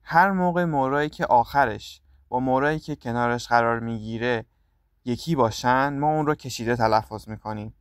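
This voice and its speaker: A man teaching a language lesson in scripted narration, sounding out syllables slowly and deliberately. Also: medium pitch, clean tone, dry recording, clean studio sound. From Iran. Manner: slow, deliberate syllable drills.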